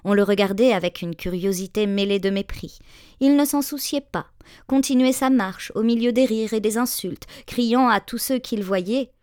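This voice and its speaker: A woman reads a storybook tale aloud, measured and expressive. Her voice sits in a natural middle register and sounds close and dry. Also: medium pitch, clear, resonant tone, no echo. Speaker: narrator. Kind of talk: storybook reading.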